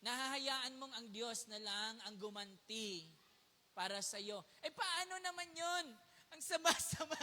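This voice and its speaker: A man's voice: very high voice, lively intonation, measured pace, pushed and bright. A man from the Philippines preaching to his congregation. He tells a personal story, keeps checking with his listeners and mixes English phrases into his talk. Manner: conversational preaching that often questions the congregation. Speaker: pastor. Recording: long hall reverb.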